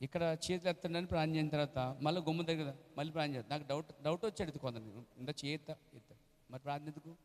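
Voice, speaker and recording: Pastor, male, high voice, sermon delivery with big dynamic swings, long hall echo. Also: fast. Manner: swings from low asides to shouted acted-out quotes. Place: church hall.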